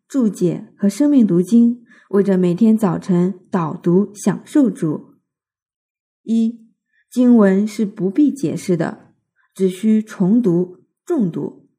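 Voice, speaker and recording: A woman reading a scripted devotional outline in a measured, recited manner. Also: mid-range voice, warm tone, husky.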